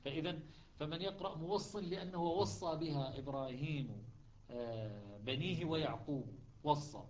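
A man's voice: fairly high pitch, normal speed, a little mellow, slight background noise. A man teaching a classroom lesson on Quran recitations, explaining step by step, repeating words and checking that his students follow.

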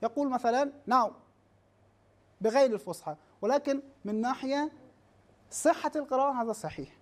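Halting lecturer asking the class questions. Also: sits high. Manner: asks rhetorical questions and checks in with "ha?"; halting, restarts words, spells out lists slowly. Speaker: teacher.

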